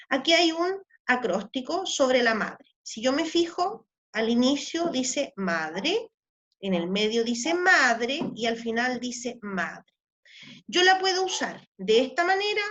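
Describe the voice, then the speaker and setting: High-voiced woman teaching a class. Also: fairly bright tone. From Chile. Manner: checks in with frequent tag questions; counts out syllables and verses slowly. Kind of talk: explanatory class lesson.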